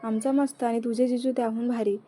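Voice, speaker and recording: A woman's voice: a little high, steady tone, brisk, dark tone, lightly acted. A woman reading as a cheerful young wife. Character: young newly married woman, cheerful friend.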